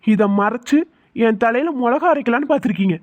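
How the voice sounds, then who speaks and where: A woman's voice: on the high side, a little fast, dry recording, lo-fi sound, close to an everyday voice. A woman voicing an angry young man who harshly accuses his fiancée in a cartoon. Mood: scornful.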